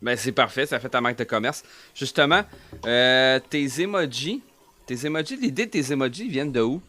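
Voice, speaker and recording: A man's voice: mid-range voice, lively intonation, moderate pace, pushed and bright. A man hosting a casual live-stream interview, reading chat messages and asking questions. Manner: friendly, reads chat messages aloud.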